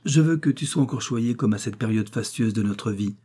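A man's voice: medium pitch, moderate pace, mellow, husky, close to an everyday voice. A man voicing an anxious young woman student. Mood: eager. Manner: urgent, fretful pleading.

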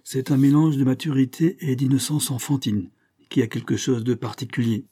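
A man's voice: mid-range voice, warm tone, no echo, close to an everyday voice. A man reading aloud, voicing a dry, cutting old English lawyer who speaks curtly, coldly and with measure. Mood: cool. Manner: curt, cold and measured.

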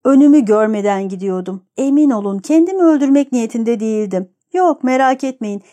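A woman's voice: on the high side, expressive, brisk, dark tone, close to an everyday voice. A woman reading the lines of a desperate young man in love, urgent and pleading. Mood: resigned.

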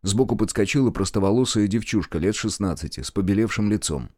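A man narrating a war audiobook in expressive scripted storytelling. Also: lowish voice, fast, no echo, clean studio sound.

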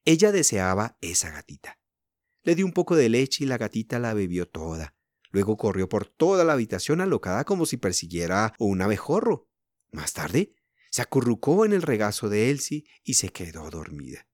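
A man reads a children's story, speaking to young listeners. His pitch rises and falls expressively. The recording is dry and close. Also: very animated, normal speed, a little mellow, no echo.

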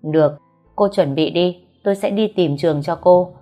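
Audiobook figure: a cold, curt young master of the house, read by a woman in a lowered, clipped voice. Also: moderate pace, lo-fi sound, soft background music, natural voice. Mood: cold commanding. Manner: curt and commanding.

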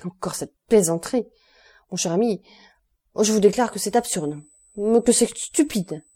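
A woman's voice: mid-range voice, moderate pace, mellow, breathy edge, close to an everyday voice. A woman voicing an indignant, starving male banker held prisoner, protesting haughtily in an audiobook reading. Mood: exasperated.

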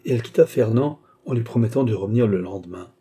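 Brief: male audiobook narrator, dark mellow voice, steady dramatic reading. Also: on the low side, quick pace, breathy edge. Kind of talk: scripted narration.

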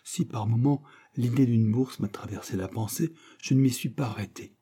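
Young male student, earnest and resolute, read by a male narrator; husky, dark voice. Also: mid-range voice, normal speed, pitched above the performer's own voice, natural voice. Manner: earnest, determined. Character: eager young man, poor student set on university.

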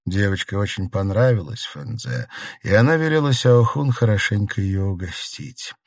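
A man narrating a classic novel as an audiobook reader, in a steady, even storytelling manner. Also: lowish voice, normal speed, no room sound, clean studio sound. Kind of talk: scripted narration.

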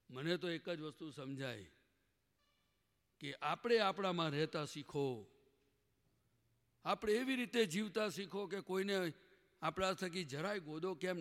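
A man with a slightly raised pitch delivers a spiritual sermon, repeatedly quizzing his listeners and urging them to reply. His voice carries a long reverb, as if from a big hall. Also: a little slow, pauses often, fairly bright tone. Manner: questions the audience and prods them to answer. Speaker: spiritual teacher. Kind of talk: satsang sermon to a gathering.

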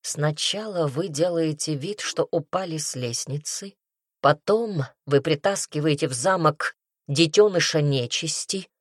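A woman reading a first-person audiobook, telling the story in a lively, ironic way. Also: low-pitched, no echo, studio quality. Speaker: audiobook narrator.

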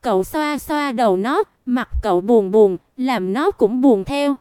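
A woman narrates a storybook in an even storytelling way. Her voice is high and very smooth. The recording is close and dry. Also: unhurried, no room sound. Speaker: audiobook narrator.

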